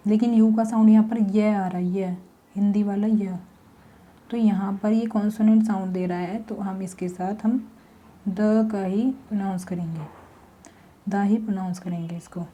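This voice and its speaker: A woman teaching a grammar lesson, slowly explaining step by step with examples. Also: mid-range voice, fairly even intonation, dark tone, lo-fi sound.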